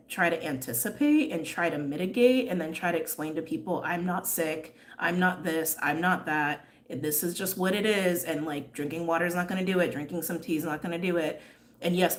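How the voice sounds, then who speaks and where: A young woman with a low-pitched, slightly wheezy voice from asthma chats candidly on a livestream. She's a tarot reader and host, reading out viewer comments with lots of fillers and quick laughs.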